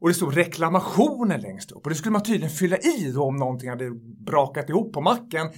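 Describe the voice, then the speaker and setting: A man with a high-pitched voice tells a long comic anecdote. He talks in a casual, animated way, mocking himself. His speech is loose and full of fillers. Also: breathy edge.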